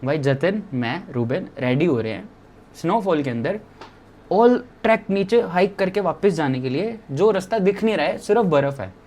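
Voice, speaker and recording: Animated young man telling a travel story. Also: sits high, normal speed. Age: 20s. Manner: lively, repeats phrases for drama, talks straight to the listener.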